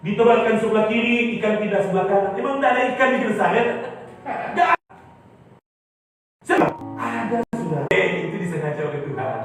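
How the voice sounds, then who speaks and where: A man preaches with high-pitched, animated delivery, swinging from ringing cries to quiet murmurs. He is heard from a distance in a booming, reverberant church hall. Music plays softly behind him. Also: fast, pauses often. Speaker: pastor. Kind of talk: sermon.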